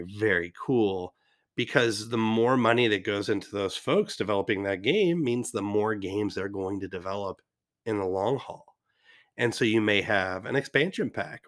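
A man's voice: lowish voice, fairly bright tone. A man in his fifties hosting a casual podcast, talking in an enthusiastic, rambling way with lots of fillers. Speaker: podcast host. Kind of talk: casual monologue.

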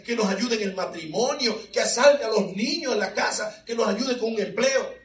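A man preaching a sermon in a church, animated and calling on the congregation for answers. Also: sits high, a little hiss or hum. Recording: echoey hall, mic far off.

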